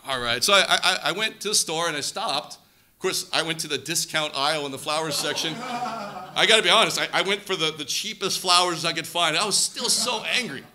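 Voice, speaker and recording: High, sharp-voiced male preacher. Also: fairly quick. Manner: animated, acts out quoted voices, shouts for effect. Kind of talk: storytelling sermon.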